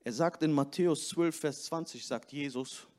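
A man's voice: a little high, moderate pace, darkish tone. A man preaching a sermon, speaking directly to his listeners with rising emphasis.

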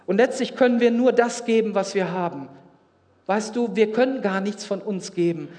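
A man's voice: high voice, normal speed, darkish tone, long reverb tail. A man preaching a sermon, earnestly addressing the congregation directly and reading scripture aloud in a church. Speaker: pastor.

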